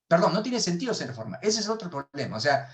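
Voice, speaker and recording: A man's voice: high-pitched, very animated, quick pace. A middle-aged man with a Peruvian Spanish accent, giving an economics lecture in a webinar, stumbling over his words and restarting often, heard over a video call. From Peru. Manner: hesitant, many restarts and repeated words. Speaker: economics professor. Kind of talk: webinar lecture answering questions.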